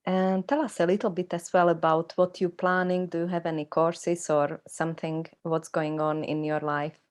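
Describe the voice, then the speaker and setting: A woman interviewer with a low, very even voice. She keeps her questions short and simply prompts her guest to go on. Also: moderate pace. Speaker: interviewer, host. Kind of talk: conversational interview.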